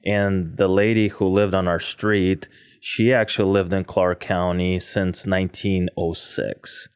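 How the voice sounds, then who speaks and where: A man in his forties who grew up in Russia, chatting as a podcast guest. His voice sits very low and sounds smooth and resonant, and he tells his stories with animated energy and easy laughter. The recording is close and dry. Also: unhurried, no room sound. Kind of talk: casual interview chat.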